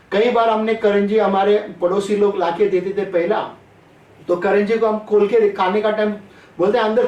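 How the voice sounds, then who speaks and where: A man's voice: high voice, darkish tone, roomy sound, recorded from a distance, rough recording. A man preaching a sermon in a chatty way, often asking his listeners questions. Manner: conversational, asks the audience questions. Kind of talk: sermon over online call.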